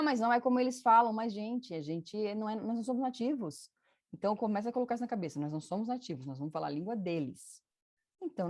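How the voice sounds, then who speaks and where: A woman's voice: mid-range voice, a little mellow, dry recording, studio quality. A woman from Brazil, teaching a casual online English lesson, chatty and patient, often checking in with her students and repeating examples.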